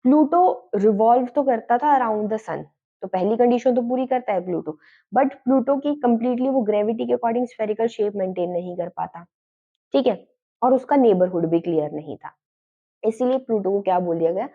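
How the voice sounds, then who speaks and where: A woman's voice: on the high side, normal speed, phone-quality sound. A woman teacher giving a lecture, asking questions and answering them herself, often switching into English phrases. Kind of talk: classroom lecture.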